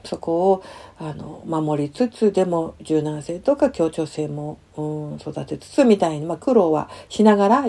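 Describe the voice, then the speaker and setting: A middle-aged woman counselor telling a personal story softly and hesitantly, with many fillers and lively sound words. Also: lowish voice, gravelly.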